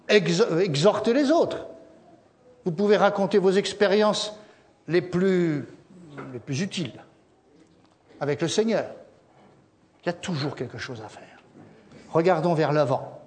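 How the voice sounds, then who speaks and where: A middle-aged man preaches a sermon, his voice sitting a bit high for a man. He tells stories in a lively way, acts out what people say and drops in humorous asides. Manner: lively storytelling, acting out quotes with humorous asides. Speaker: pastor.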